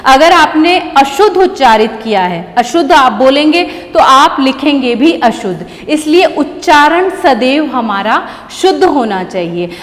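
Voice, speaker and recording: Woman teacher, high voice, patient, repeats words slowly, long reverb. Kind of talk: grammar lesson for children.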